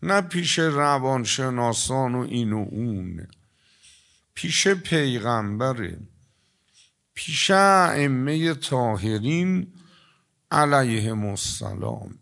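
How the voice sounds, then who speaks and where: An older man giving a sermon to a gathering, telling stories and drawing some words out slowly before rushing through others. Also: mid-range voice, lively intonation, gravelly, fairly bright tone. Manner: storytelling, shifting between slow, stretched emphasis and quick asides. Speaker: preacher. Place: religious gathering with an audience.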